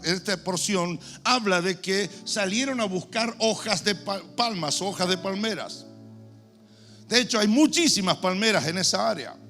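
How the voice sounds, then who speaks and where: High, bright-voiced older pastor preaching. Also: male voice. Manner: animated preaching, asks the congregation questions, acts out crowd shouts. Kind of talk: sermon.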